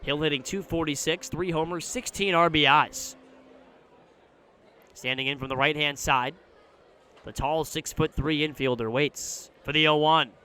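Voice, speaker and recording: A bright, forceful American male announcer calls baseball play-by-play on radio from an outdoor ballpark broadcast position. His voice is smooth and on the high side, and during this live sports commentary he describes things in a measured way, getting excited on big plays.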